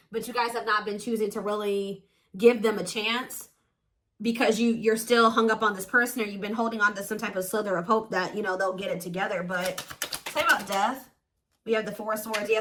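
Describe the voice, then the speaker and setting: Recorded with poor audio, this medium-pitched, somewhat bright voice belongs to a woman hosting a tarot reading. Her reading for viewers is casual and intuitive, delivered in an emphatic, conversational manner with repetition for emphasis.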